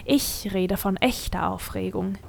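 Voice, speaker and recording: A woman voicing a shifty, scarred male dwarf who deals pills, talking in a sly, wheedling, drawn-out way. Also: medium pitch, vocal fry.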